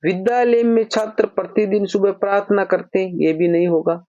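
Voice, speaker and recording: A man's voice: sits high, fairly even intonation, normal speed, dark tone. Patient male teacher, dull lo-fi audio. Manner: patient, explanatory, calls listeners brother; dictates example sentences word by word. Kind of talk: exam-prep grammar lesson. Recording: dull lo-fi recording.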